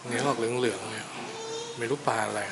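A man vlogging casually as he tastes a local dish at a small eatery, talking in a relaxed, musing way with polite particles and frequent pauses. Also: medium pitch. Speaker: travel vlogger. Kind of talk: casual food-tasting vlog. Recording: clear background noise.

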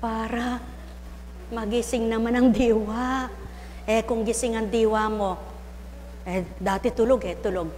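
A woman preaching as a spiritual medium to a live congregation, teasing and exhorting listeners, calling people out by name, breaking into laughter and loud exclamations. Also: a little high, fairly even intonation, unhurried, long pauses, long reverb tail, slight background noise.

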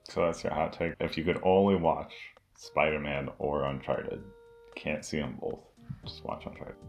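A young man co-hosts a casual chat, dry and blunt as he argues his points. His voice sits very low and has a gravelly fry to it. A camera mic a few feet away catches him in a small room, with faint music in the background. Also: steady tone, moderate pace. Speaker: co-host. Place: small indoor room with a decorated table.

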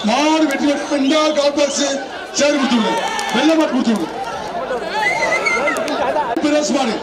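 Male Tamil Nadu arena announcer, very high voice, repetitive short calls, amplified, distant, over a roaring crowd. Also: moderate pace, heavy background noise. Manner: repeats short exclamations and calls. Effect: amplified over a public address system. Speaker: jallikattu bull-taming event announcer. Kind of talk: live arena commentary, calling out bulls and prizes. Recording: echoey outdoor loudspeaker, distant, loud crowd. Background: loud crowd at outdoor arena.

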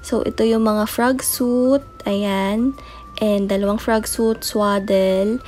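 Slow-paced, with a mid-range voice and fairly even intonation, a young mom vlogger does a chatty voice-over show-and-tell of baby items. Her voice is soft and late-night, she mixes in English words, and faint music plays underneath.

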